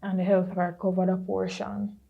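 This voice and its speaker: A middle-aged Jamaican woman giving an earnest personal testimony, slipping into patois and lively quoted voices. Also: mid-range voice, moderate pace, gravelly, dull audio. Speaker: podcast creator sharing her story.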